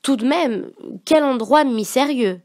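A woman's voice: sits high, a little slow, a little mellow, dry recording, clean studio sound, pitched above the performer's own voice. A woman doing a mild, puzzled prince father. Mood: gentle. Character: gentle fussy prince father.

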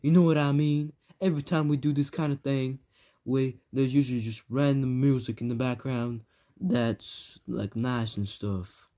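A young man talking casually in a homemade comedy skit, unpolished and relaxed. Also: mid-range voice, moderate pace. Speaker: toy comedy creator.

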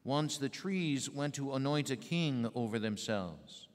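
A man leading a church service as priest, reciting prayers and readings in a measured, solemn way. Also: medium pitch, lively intonation. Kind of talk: liturgical recitation. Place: large church. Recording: echoey church hall.

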